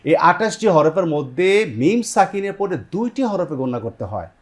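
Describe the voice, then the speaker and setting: A man's voice: high voice, expressive. Patient male Quran teacher quizzing students. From Bangladesh. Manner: patient step-by-step explaining, quizzing students with questions; repeats students' answers back, sounds out Arabic words slowly. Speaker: Quran recitation teacher and TV host. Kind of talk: televised Quran tajweed lesson.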